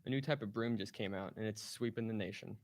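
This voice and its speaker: A man trading dad jokes in a contest, delivering setups and punchlines deadpan with short thoughtful hums. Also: lowish voice, fast talker. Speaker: joke contestant.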